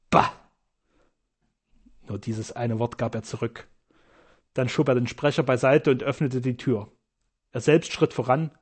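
A man reading a storybook aloud in a lowered, even narration voice. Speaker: audiobook narrator. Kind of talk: scripted narration.

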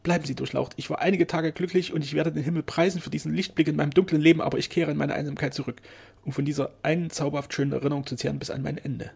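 A man's voice: mid-range voice, quick pace, vocal fry, breathy edge. A man doing an anguished young nobleman. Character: young nobleman, earnest and despairing.

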